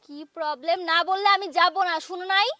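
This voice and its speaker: A woman's voice: extremely high pitch, lively intonation, quick pace, a bit bright, no echo. An actress playing a stubborn wife who argues back at her husband, in a comedic TV drama. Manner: stubborn, quarrelsome.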